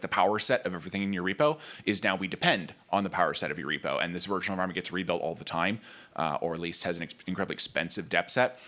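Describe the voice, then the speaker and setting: Male co-presenter, low-pitched, bright and forceful, fluent technical answers. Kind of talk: technical explanation.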